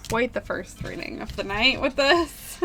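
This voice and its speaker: A woman's voice: fairly high pitch, lively intonation, measured pace, over music. A woman giving casual, chatty tarot readings on a live stream, talking informally and swearing now and then. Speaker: tarot reader.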